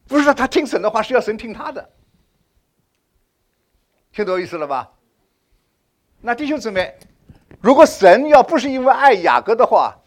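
Animated high-pitched male preacher. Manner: animated, rhetorical questions to the congregation; swings between loud exclamations and hushed asides. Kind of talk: sermon.

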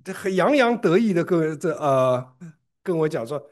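A man preaches, his voice riding a touch high and leaping up and down as he tells a story to the congregation. He often stumbles over and repeats his words, then pushes on with lively emphasis. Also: normal speed. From Shanghai, China. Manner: animated storytelling with big pitch swings and frequent repeated restarts. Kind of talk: sermon with a personal story.

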